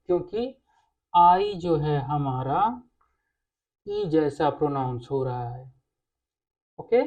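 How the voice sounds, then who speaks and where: A woman teaching a language lesson, explaining patiently and pausing on "okay" between points. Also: on the low side, warm tone, highs cut off. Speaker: French teacher.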